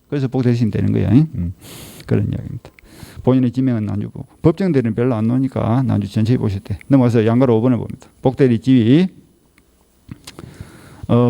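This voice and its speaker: A middle-aged male law lecturer with a Gyeongsang Korean accent and a gravelly, dark voice. He lectures for an exam-prep course. He nags his class and keeps firing rhetorical questions at them. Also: mid-range voice.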